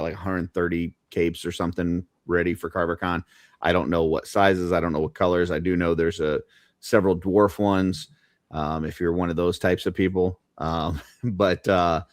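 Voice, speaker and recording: A man in his forties co-hosting a casual chat, relaxed and halting as he talks. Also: low-pitched, dry recording, studio quality. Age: 40s. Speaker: co-host.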